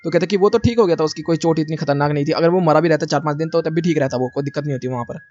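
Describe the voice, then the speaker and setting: Fast-talking man recapping anime, lo-fi sound. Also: fairly high pitch, a little mellow. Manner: chatty, addresses viewers as brother, slangy asides. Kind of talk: casual spoken recap narration. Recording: dull lo-fi recording.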